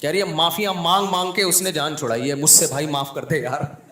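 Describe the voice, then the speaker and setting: A man with a Pakistani Urdu accent, a religious scholar telling humorous anecdotes in a lively way and acting out the people in them. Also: on the high side, fairly quick, roomy sound. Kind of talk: humorous storytelling talk.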